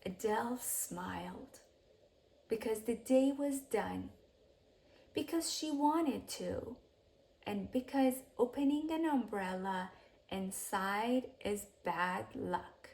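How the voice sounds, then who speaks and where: A woman reads a children's storybook aloud in an expressive bedtime-story style, with measured phrasing and sentence endings that soften into a hush. Her voice is mid-range and creaky.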